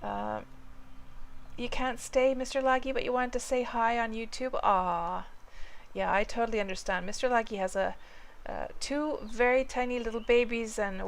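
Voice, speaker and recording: Over background music, a female game streamer talks casually to her audience while she plays, wandering from topic to topic and leaning on filler words. Her voice is mid-range with noticeable vocal fry.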